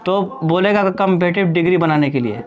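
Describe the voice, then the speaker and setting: A man teaching an English grammar lesson in Hindi. He is patient and repeats each point, checks in with students often, and dictates examples slowly word by word. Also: high-pitched, animated. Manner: addresses students fondly as "Babu".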